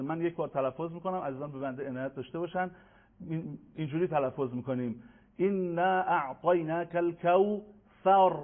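Man, formal pronunciation lesson, chants verses slowly, somewhat high-pitched, tinny broadcast audio. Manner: patient, formal, addresses viewers politely; slows to chant Arabic verses. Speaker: Quran recitation teacher. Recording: tinny phone-like broadcast sound.

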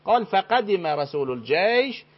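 High-voiced scholar on dull broadcast audio. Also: male voice, big pitch swings. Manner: reads and translates old texts, firm. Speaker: studio expert. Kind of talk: scholarly studio debate.

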